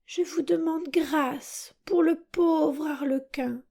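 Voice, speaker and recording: A woman voicing a young wooden puppet boy in an audiobook, high and pleading. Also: steady tone, slow pace, gravelly, warm tone, full character voice. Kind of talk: audiobook character reading.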